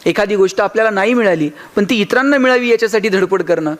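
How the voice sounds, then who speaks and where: Brief: man with a Marathi accent, high-pitched speaking voice, lively storytelling motivational speaker. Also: fast talker. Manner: storytelling with acted dialogue and humor. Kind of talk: motivational speech.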